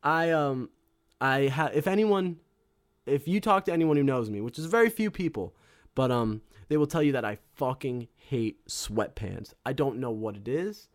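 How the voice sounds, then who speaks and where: A man's voice: mid-range voice, lively intonation, moderate pace. A young man hosting his own live music stream, chatting casually between songs in a rambling, profane, self-deprecating way. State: out of breath.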